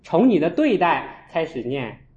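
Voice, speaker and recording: A man, a Buddhist monk, giving a storytelling dharma talk and acting out his own scolding with sharp jumps in voice. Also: fairly high pitch, sing-song, a little slow. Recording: echoey, dull lo-fi room.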